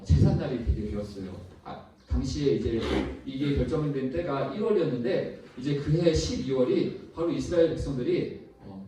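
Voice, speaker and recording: Lively, mellow-voiced man preaching in an echoey hall. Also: medium pitch, far from the mic, a little hiss or hum. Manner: storytelling, addressing listeners directly. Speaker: youth pastor. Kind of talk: sermon.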